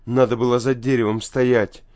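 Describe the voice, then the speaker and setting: A man's voice: medium pitch, level tone, moderate pace, a little mellow, no echo, lightly acted. A man voicing a resourceful young boy who speaks in short, firm phrases, in a dry audiobook reading. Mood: calm.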